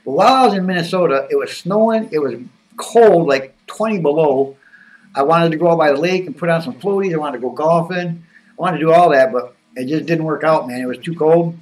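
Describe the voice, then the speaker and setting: A man's voice: fairly high pitch, brisk, distant mic. A man hosting a live stream in a loose, joking, chatty way. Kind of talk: casual live-stream chat.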